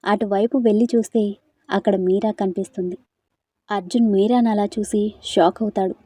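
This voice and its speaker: A woman narrating an audio drama story in a steady, expressive way. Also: medium pitch, moderate pace, husky, dry recording, clean studio sound.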